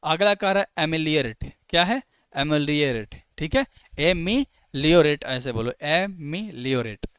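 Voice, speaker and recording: A man teaching vocabulary for competitive exams in a lively, call-and-response way, often checking whether students have understood. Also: on the high side, moderate pace, clear, resonant tone, no echo. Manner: lively, asks students "clear है?" and answers himself. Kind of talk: Hindi exam-prep vocabulary lesson.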